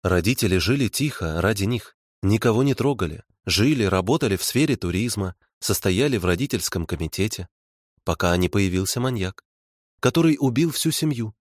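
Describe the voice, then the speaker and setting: A man voicing a calm woman investigator who lays out facts softly and pointedly. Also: fairly low pitch, a little fast, no room sound, studio quality.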